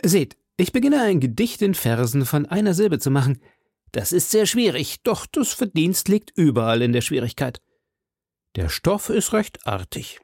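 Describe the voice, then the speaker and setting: A man's voice: fairly high pitch, very animated, normal speed, darkish tone, slightly rough, no room sound, voice pushed up, full character voice. A refined, vain young musketeer, as a man reading aloud puts him on in a storybook, airy and affected. The voice is raised and swings widely, in a dry close room. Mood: airy lively.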